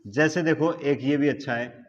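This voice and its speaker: An Indian man teaches a grammar class live online, explaining at a board and drawing words out syllable by syllable. He keeps posing rhetorical questions to check whether the class is following. His voice is a little high at a normal speed, and the audio is dull.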